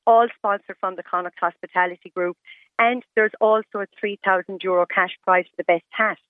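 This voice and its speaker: A woman's voice: mid-range voice, steady tone, a little fast, no echo. A woman with a west of Ireland accent talks as a phone-in radio guest. She makes her points emphatically, repeating them in short phrases. Her voice comes down a dull, narrow telephone line with no room sound around it. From Galway, west of Ireland. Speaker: interview guest, stylist and fashion competition judge. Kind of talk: live radio phone interview.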